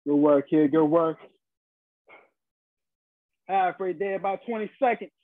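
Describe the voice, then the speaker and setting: A young man with a high voice leads a workout as a fitness instructor. He speaks in short, encouraging cues and countdowns. The sound is thin and phone-like, as over a video call, with a dry room. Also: unhurried, no room sound. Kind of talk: live online HIIT class coaching. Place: small carpeted room at home, indoors. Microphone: laptop or webcam mic on video call.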